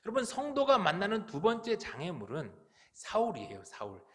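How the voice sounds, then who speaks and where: A man's voice: sits high, huge pitch swings, fairly quick, a bit bright. A male pastor preaching a Sunday sermon in a church, speaking earnestly and asking the congregation rhetorical questions. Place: church sanctuary.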